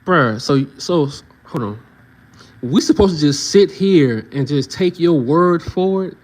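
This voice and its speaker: A man's voice: fairly high pitch, animated, a little slow, darkish tone. A young man giving casual reaction commentary, slangy and mocking, laughing often as he acts out other people's reactions.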